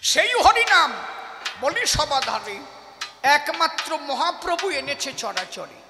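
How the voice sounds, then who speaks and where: High-voiced folk preacher chanting. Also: male voice, slow pace, noisy background. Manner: animated preaching, breaks into chanted call-and-response and shouts. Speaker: folk poet and devotional singer. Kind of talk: devotional folk performance mixing preaching, chanting and song. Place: live stage at a religious fair. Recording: echoey live sound with long reverb and music.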